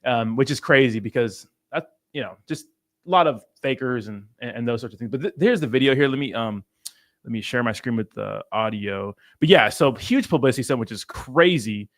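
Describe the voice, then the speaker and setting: A man's voice: medium pitch, expressive, fairly quick, a bit bright. A man chatting casually as a talk show co-host, in a slangy, crude crypto bro manner, repeating himself. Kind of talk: casual chat.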